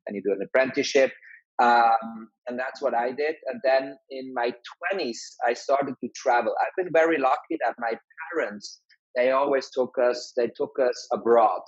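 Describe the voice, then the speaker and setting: A husky-voiced man in his thirties, talking English. He chats in a friendly, halting way, restarting his sentences often. The sound is dry and a little dull, like an online call. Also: medium pitch, dry recording. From Switzerland. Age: 30s. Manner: friendly, many restarts and fillers. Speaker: guest, digital nomad entrepreneur. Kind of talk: casual interview talk.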